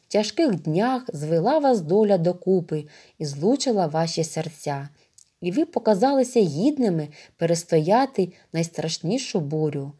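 Woman doing a dying old elder: soft, solemn, low and mellow. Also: sing-song, normal speed, breathy edge. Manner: weak, quiet, solemn speech. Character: dying old male village elder, calm and wise.

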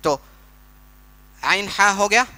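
Bright, high-voiced male recitation teacher. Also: lively intonation. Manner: explains pronunciation patiently, using everyday comparisons; demonstrates recitation slowly and drawn out. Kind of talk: recitation workshop lesson.

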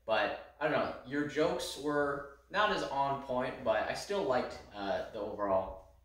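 A man's voice: medium pitch, measured pace, fairly bright tone. A man giving playful, mock-boastful opinions in a casual chat as co-host. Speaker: co-host and cameraman. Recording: very echoey room, far from the mic.

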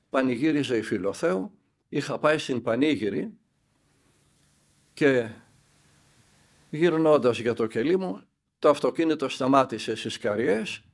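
An older man, an elder monk, tells a spiritual story and acts out the dialogue with lively emphasis. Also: medium pitch, creaky.

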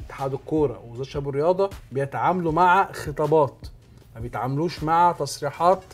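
Brief: male Egyptian sports host, somewhat high voice, emphatic explainer, faint music underneath. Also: rapid-fire, breathy edge. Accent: Egyptian Arabic. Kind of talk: sports talk show discussion.

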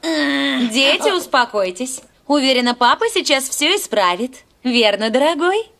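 A patient, soothing cartoon mother with a high, bright voice. She speaks gently and reassuringly. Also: animated, unhurried, heavily acted. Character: kind, patient mother baking a pie. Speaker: dub voice actor. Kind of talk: cartoon dub acting.

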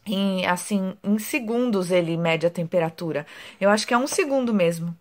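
A woman's voice: medium pitch, normal speed. A woman, chatting casually to viewers in a home vlog as a mother, with frequent tag questions. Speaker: mother and vlogger.

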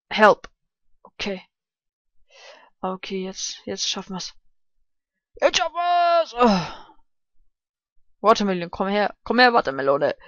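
A man commenting casually on a game he is playing, shouting and swearing when he fails and muttering quietly to calm himself down. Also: high voice, no room sound, muffled recording. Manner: excitable, yelps and shouts at failures, swears. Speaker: let's play gamer.

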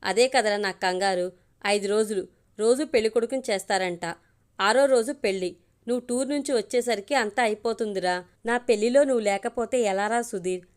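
A woman's voice: mid-range voice, a little fast, close to an everyday voice. A woman voicing an anxious young man pleading with his best friend, in a storybook reading.

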